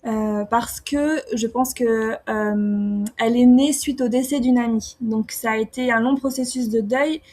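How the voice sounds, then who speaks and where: A young woman from France answering interview questions casually, often pausing with fillers and restarting her sentences. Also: fairly high pitch, steady tone, a little mellow. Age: young adult. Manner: hesitant, many fillers and restarts. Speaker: singer-songwriter guest.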